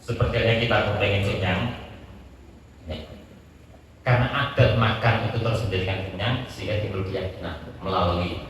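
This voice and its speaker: Male preacher, unhurried teaching style, sits far back in a roomy hall with a faint hiss. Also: deep voice, fairly even intonation. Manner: explains slowly, quotes Arabic, mixes in local Javanese words. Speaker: Islamic preacher. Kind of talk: religious study sermon. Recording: echoey hall mic from far off.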